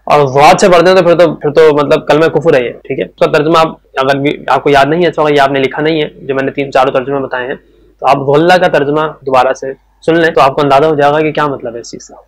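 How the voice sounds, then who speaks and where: A man giving a spoken religious lesson, explaining points step by step and slowly repeating key words for emphasis. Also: a little high, steady tone. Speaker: religious teacher.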